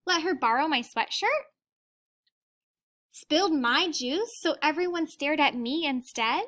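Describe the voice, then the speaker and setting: With a high voice, a woman reads a children's story aloud the way a teacher would. She's expressive and deliberate, turning now and then to speak directly to her young listeners.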